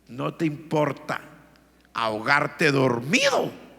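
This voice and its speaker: A man's voice: medium pitch, very animated, slow pace, vocal fry, bright, forceful tone, slightly rough, full character voice. A man voicing frightened disciples pleading urgently with their master, in a reverberant church hall. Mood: panicked. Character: panicked fishermen disciples, adult men.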